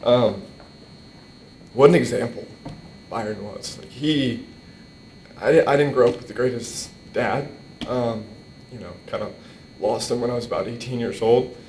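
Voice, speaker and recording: A young adult man, the nephew of the deceased, gives an informal eulogy at a memorial in an indoor hall, speaking into a mic on a boom stand. Emotional and struggling to stay composed, he halts and repeats words in a darkish tone. The recording has a roomy echo and a faint rumble.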